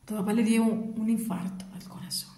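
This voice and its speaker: A woman's voice: fairly high pitch, level tone, normal speed, echoey room. Whispering woman telling a sad story. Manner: mostly whispered, hushed and grieving. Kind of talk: personal story told to an audience.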